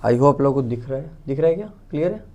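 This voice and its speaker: An Indian-accented man gives a relaxed music theory lesson, thinking aloud as he writes and counting out each step. His voice sits at a middle pitch with a warm, mellow tone. He pauses to correct himself now and then. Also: muffled recording. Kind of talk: casual explanatory lesson while writing.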